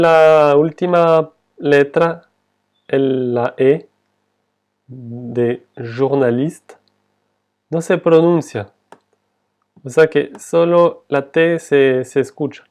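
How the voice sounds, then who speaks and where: Slow, clear-voiced man teaching French. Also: a little high, darkish tone. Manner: repeats words slowly and carefully. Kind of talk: slow, patient language lesson.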